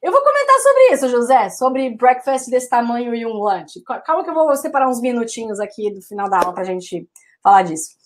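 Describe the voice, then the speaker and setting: A woman's voice: fairly high pitch, brisk, a little mellow. A young woman with a Brazilian Portuguese accent teaching English vocabulary in a chatty live online class, repeating words for her students and answering the chat.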